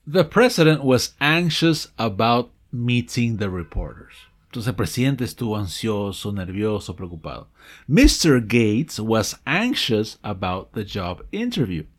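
A man teaching an audio lesson, explaining phrases patiently, checking in with his listeners and correcting his own slips. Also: medium pitch. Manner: reads example sentences and dialogues slowly. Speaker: English teacher.

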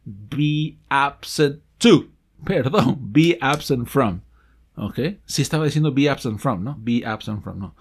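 A man's voice: mid-range voice, lively intonation, slightly rough. A man teaching an audio lesson, explaining phrases patiently, checking in with his listeners and correcting his own slips. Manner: reads example sentences and dialogues slowly. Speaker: English teacher.

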